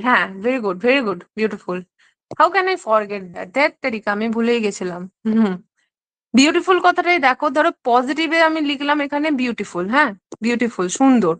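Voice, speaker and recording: A woman's voice: high voice, fairly bright tone. A woman teaching an online exam-prep lesson. She explains step by step and keeps checking in with her students.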